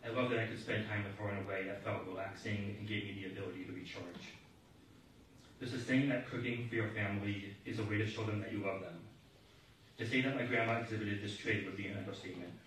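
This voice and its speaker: Man, lower register, steady reflective eulogy reader; echoey hall, distant mic, faint noise. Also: fast talker. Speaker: grandson giving a eulogy. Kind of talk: read eulogy. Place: large echoey hall at a memorial service.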